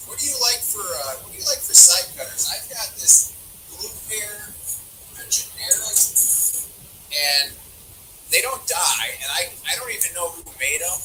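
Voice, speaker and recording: A man's voice: high-pitched, expressive, unhurried. A man chatting casually and informally, often letting his thoughts trail off unfinished. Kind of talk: casual chat about tools. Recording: noisy background.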